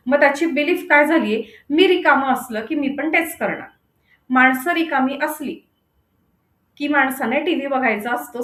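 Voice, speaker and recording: Female parenting coach with a high voice who quizzes her audience and repeats key words, in an echoey room. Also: fairly bright tone. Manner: asks the audience rhetorical questions, repeats phrases for stress. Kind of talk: online parenting lecture.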